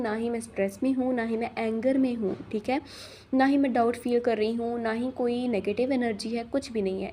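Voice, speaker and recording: A young woman, a coach, telling a personal story in a calm, casual way, often repeating phrases and pausing on fillers. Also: on the high side, slight background noise. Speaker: manifestation coach.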